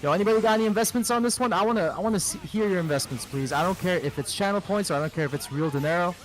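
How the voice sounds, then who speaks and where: A man's voice: high-pitched, very fast. A man in his thirties doing casual, crude, joking commentary on a fighting game tournament stream. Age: 30s. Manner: joking, crude, playful banter.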